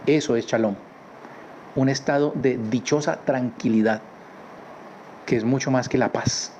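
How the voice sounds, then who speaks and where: A man teaching a religious lesson from his home in a conversational way, often adding quick tag questions. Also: medium pitch, steady tone, darkish tone. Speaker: Torah teacher. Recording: slightly dull recording with faint background noise.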